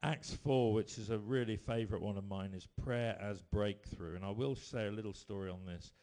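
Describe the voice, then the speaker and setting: A man's voice: lowish voice, moderate pace. Man preaching a sermon. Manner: storytelling, rising to emphatic bursts then dropping quiet.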